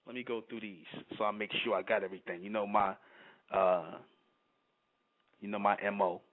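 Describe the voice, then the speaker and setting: A man's voice: fairly low pitch, level tone, normal speed. Fiery preacher-like man on a tinny line. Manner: fiery, repeats "you understand?", works himself up. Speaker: channel host giving a spiritual talk. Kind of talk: impassioned monologue. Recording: tinny phone-like audio.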